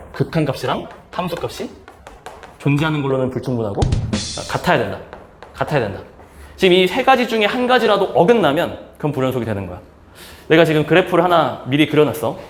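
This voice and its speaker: A man's voice: fairly high pitch, very animated, fairly quick, long pauses, roomy sound, a little hiss or hum. A male math teacher giving a casual lecture, asking questions and then answering them himself. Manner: asks and answers his own questions; casual, speaks in plain everyday talk to students.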